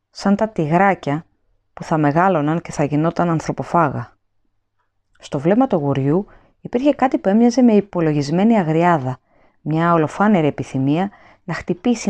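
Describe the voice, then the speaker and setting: A woman narrating an audiobook in a steady, even storytelling manner. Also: low voice.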